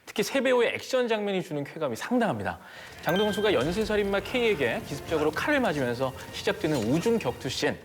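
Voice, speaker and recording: Fast-talking man film presenter. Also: high-pitched, over music. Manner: brisk, energetic presenter. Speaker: co-host, film creator. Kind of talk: film review narration and chat.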